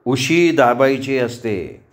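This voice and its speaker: A man voicing a relaxed, amused young male student neighbor who likes giving advice. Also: medium pitch, slow.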